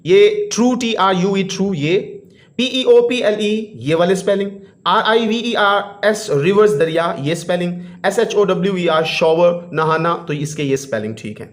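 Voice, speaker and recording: Man teaching a lesson, high voice, slow deliberate delivery, addresses kids. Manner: reads English slowly, then explains in Urdu; calls listeners children, sing-song stress on English words. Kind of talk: reading and explaining a school textbook lesson.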